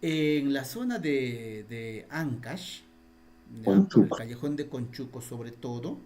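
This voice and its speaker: Over a video call, a man with a mid-range, sing-song, darkish voice teaches an online Quechua spelling class in Peruvian Spanish, taking it slowly. He patiently repeats his points and quizzes his students.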